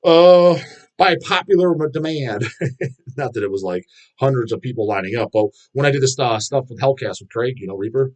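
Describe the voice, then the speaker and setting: A man's voice: medium pitch, lively intonation, moderate pace, a little mellow. A man answering viewer questions on a casual live stream, rambling and swearing often, with blunt, mocking opinions and lots of restarts. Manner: rambling and heavily profane, many restarts and fillers; blunt, mocking gym talk.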